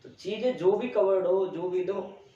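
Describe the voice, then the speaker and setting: A man's voice: sits high, measured pace, warm tone. A young man teaching in a classroom, giving blunt, earnest advice straight to his students. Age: young adult. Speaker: coaching teacher. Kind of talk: classroom motivational talk. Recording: very echoey room, distant mic, dull sound.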